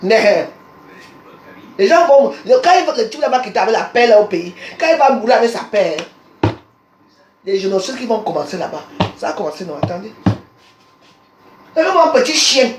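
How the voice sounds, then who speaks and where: Une femme camerounaise à l'accent du Cameroun qui lance une diatribe agressive en direct sur un réseau social, répétant ses insultes, enregistrée au téléphone. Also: female voice, mid-range voice, sing-song, a little fast, pauses often, background noise. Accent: Cameroonian French. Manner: combative, insulting, repetitive. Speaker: social media personality. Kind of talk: angry live social media rant. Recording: roomy echo.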